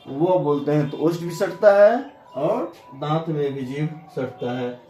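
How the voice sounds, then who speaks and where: A man teaching a grammar lesson, sounding out letters one by one in a slow, deliberate way. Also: mid-range voice, dark tone. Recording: echoey room with faint ambient noise.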